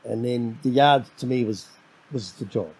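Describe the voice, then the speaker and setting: Husky and medium-pitched, a middle-aged New Zealander talks at a normal pace as a guest on a casual podcast. He is loud and domineering, rambles, and repeats words when launching sentences. The audio is poor but has no room sound.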